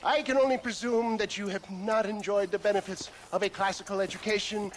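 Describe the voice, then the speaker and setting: Western game: male actor as wily, elderly elixir peddler; high voice, pompous, grandiloquent, theatrical; some background noise. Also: steady tone, a little fast, natural voice. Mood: affronted. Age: older. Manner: grandiloquent, florid, theatrical showman's talk. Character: pompous, wily, aging travelling elixir salesman. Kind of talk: Western video game acting.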